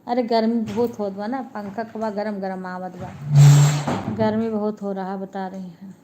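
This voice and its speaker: A woman's voice: medium pitch, little pitch movement, moderate pace, very noisy. A woman, chatting casually with viewers on a live stream from home, homely and repetitive. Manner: chatty, homely, repeats herself. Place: at home, lying down.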